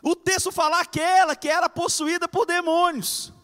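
A man preaching a fervent sermon, swinging between loud cries and hushed lines. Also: very high-pitched, level tone, normal speed, in a large hall.

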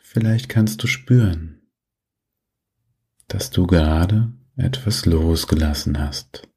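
A man guiding a sleep meditation in a soft, breathy voice, giving gentle, soothing instructions with long pauses. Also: deep voice. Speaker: meditation guide.

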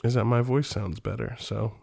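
A man's voice: mid-range voice, fairly even intonation, moderate pace, gravelly, darkish tone, breathy edge. Sick man, casual podcast co-host.

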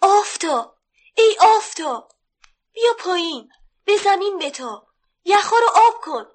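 Casting: a tiny, earnest storybook sparrow with a high voice, radio play. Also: female voice, sing-song. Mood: pleading. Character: small pleading young sparrow. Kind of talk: 1970s children's radio story acting.

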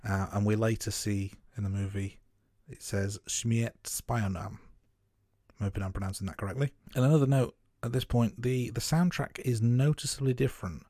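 A man co-hosting a podcast, giving measured, note-by-note commentary on a film. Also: fairly low pitch, steady tone, warm tone, no echo, clean studio sound. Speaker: podcast co-host. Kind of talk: casual film review chat.

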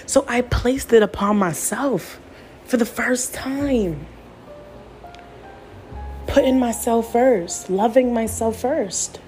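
A woman's voice: fairly high pitch, takes it slowly, long pauses, a little mellow, soft background music. A young adult woman giving an earnest personal testimony as a spiritual speaker, repeating phrases for emphasis.

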